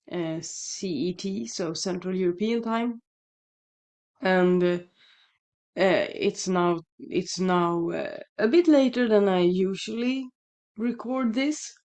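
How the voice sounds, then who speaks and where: A native Swedish-speaking woman from Sweden, a shamanism vlogger, chats casually at home in a morning vlog, rambling and correcting herself. Her voice is fairly low, gravelly and darkish, with a Swedish accent and a slight sniffle as if she's catching a cold. She's in a dry indoor room, recorded on a headset mic.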